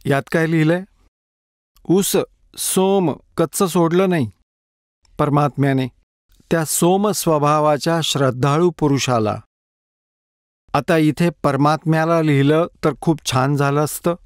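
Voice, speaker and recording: A man delivers a sermon, working through scripture one verse at a time and slowly repeating the key words. His voice sits a little high for a man. The sound is close and dry. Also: no echo. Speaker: preacher giving a dubbed sermon.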